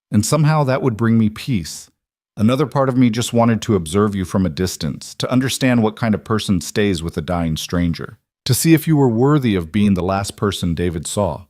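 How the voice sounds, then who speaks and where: Tired heartbroken widow, pleading and worn out, man reading her in a low dry voice. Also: darkish tone, no room sound, close to an everyday voice. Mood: confessing. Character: grieving young widow, weary and raw.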